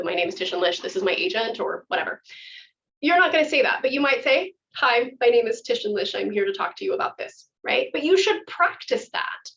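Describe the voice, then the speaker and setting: Woman, higher voice, theater instructor, calm guiding workshop talk, distant muffled recording. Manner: calm, guiding, slows down for visualization. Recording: muffled audio from far off.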